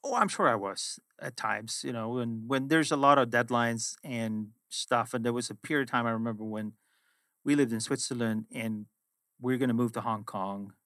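Here a middle-aged man from Sweden, a finance executive with a Swedish accent and Swedish as his first language, is the guest in a casual interview, reflecting on his work through stories. His medium-pitched, fairly bright voice keeps a moderate pace, recorded in clean studio sound with no echo.

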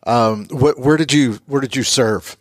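A man hosting a local interview, asking friendly, polite questions with some halting restarts. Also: mid-range voice, dry recording, clean studio sound. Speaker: interview host. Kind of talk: casual interview.

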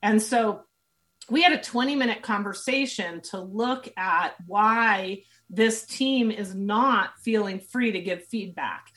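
A woman at an everyday middle pitch explains her team work in an earnest, searching way. Her voice is worn and close to going. She circles back with restarts and fillers as she thinks. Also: slow, a bit bright. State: losing her voice. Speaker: leadership and team consultant, guest. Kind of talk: conversational interview answers.

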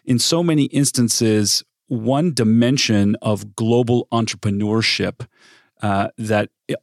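A man hosting a studio panel interview, speaking in a measured way with pauses and restarts. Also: lowish voice, no echo. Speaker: host.

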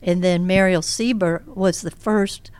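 Very old woman, low clear voice. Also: steady tone, a little slow, a little mellow, no room sound. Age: elderly. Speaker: interview guest, career coach. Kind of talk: reflective interview conversation.

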